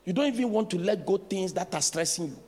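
A bishop preaching in a big church hall, his high, gravelly voice swinging widely in pitch. He tells stories and calls out to the congregation, with long reverb and soft music underneath. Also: animated, fairly quick. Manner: storytelling with laughs and call-outs to the congregation. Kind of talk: sermon.

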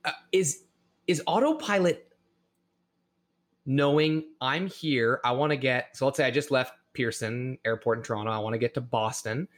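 A man's voice: mid-range voice, moderate pace. A man hosting a podcast, asking eager, rambling questions full of restarts. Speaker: podcast host. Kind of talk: casual interview questions.

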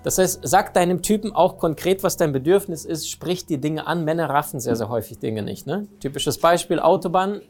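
A man giving a lively motivational talk on relationships, often asking his listeners questions. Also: on the high side, a little fast, hardly any pauses, soft background music. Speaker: speaker on communication and relationships.

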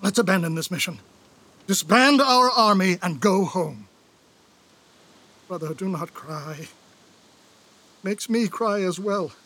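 Royal brother, remorseful, earnest, husky, high voice, audio stage drama. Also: male voice, sharp tone, heavily acted. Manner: earnest, pleading stage delivery.

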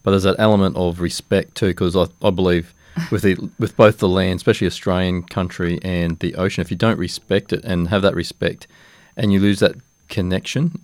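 A man with a very deep, even voice, co-hosting a casual conversation. He speaks in a calm, measured, reflective way, and the room sound is dry. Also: dry recording. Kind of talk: casual chat.

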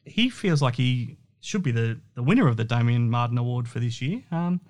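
An Australian man hosts a sports show in a casual interview style. His voice sits at a middling male pitch, and he chats as he puts questions to his guests. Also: animated, fairly quick. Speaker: host of a basketball show.

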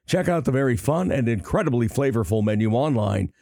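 A man in his sixties with a raspy, gravelly voice, hosting a podcast in a conversational style. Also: mid-range voice, lively intonation, a little fast, darkish tone, dry recording, studio quality. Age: 60s. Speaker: podcast host.

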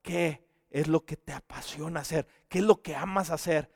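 A man preaching a sermon with earnest delivery, swinging between loud emphasis and hushed passages. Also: a little high, moderate pace, dry recording, studio quality, big-room sound.

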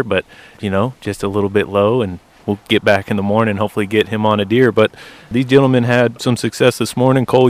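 A man hosting a casual podcast chat, recorded outdoors by a campfire. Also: lowish voice. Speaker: podcast host. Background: running generator.

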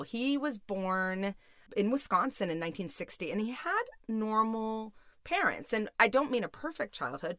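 A woman's voice: mid-range voice, fairly bright tone, no echo, studio quality. A middle-aged woman speaking as an expert guest, explaining things conversationally in an interview. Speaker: guest expert, criminal psychologist.

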